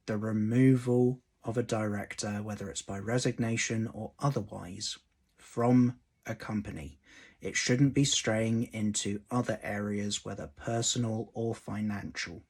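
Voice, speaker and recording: Husky solicitor explaining calmly. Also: male voice, fairly low pitch. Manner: measured, stresses key words. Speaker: employment law solicitor. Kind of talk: explanatory video talk to camera.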